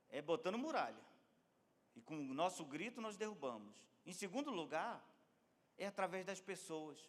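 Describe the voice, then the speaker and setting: A man, a bishop preaching a sermon, swinging from quiet storytelling to emphatic near-shouting. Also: sits high. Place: large church hall. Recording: long reverb of a large hall.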